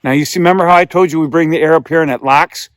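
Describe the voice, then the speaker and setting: A man's voice: a little high, steady tone, rapid-fire, smooth, dry recording. A man giving a hands-on beginner tutorial as a calling instructor, explaining patiently and repeating himself as he demonstrates.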